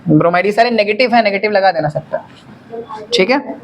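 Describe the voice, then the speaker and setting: A man's voice: high voice, fairly quick, gravelly, muffled recording, crowd noise. Man teaching chemistry to a class. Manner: quizzing students, answering own questions. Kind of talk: classroom lecture.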